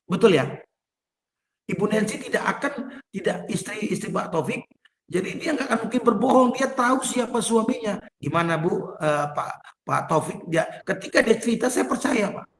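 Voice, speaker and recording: Speaking at a moderate pace in a high, expressive voice, a pastor delivers a folksy, conversational sermon to an online prayer meeting from home over a video call. The room is echoey, and he keeps turning to his listeners, addressing them as "Pak" constantly.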